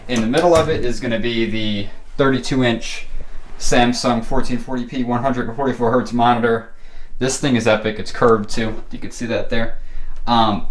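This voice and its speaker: A man giving a casual, unscripted show-and-tell vlog in a rambling, laid-back way, recorded on a camera in his room at home. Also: medium pitch. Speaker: vlogger showing a home tech setup. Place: bedroom at home.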